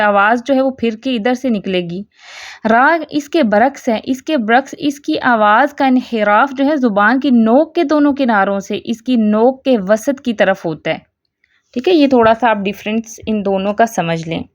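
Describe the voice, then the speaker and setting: A woman teaching a recitation lesson, slowly drawing out example words syllable by syllable. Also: fairly high pitch, muffled recording. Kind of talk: online tajweed lesson.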